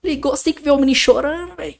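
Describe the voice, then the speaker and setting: A podcast guest with an extremely high, creaky voice tells stories in rapid-fire casual talk. He's an animated storyteller who acts out what the other people said.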